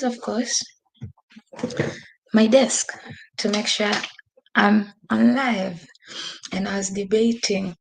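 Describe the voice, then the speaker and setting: A podcast host streams live from the desk by a window in her newly moved-into home, speaking through a computer microphone. Her medium-pitched voice is gravelly as she rambles, laughs often and says she's losing her voice. The recording is rough, with a little hiss or hum.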